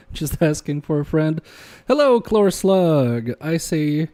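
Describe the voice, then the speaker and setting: Here the Polish-native livestream repair host talks slowly, his slightly high, dark voice swinging widely in pitch. Working on electronics at his workbench, he chats casually, reads chat messages out, and drifts into mumbling while he works.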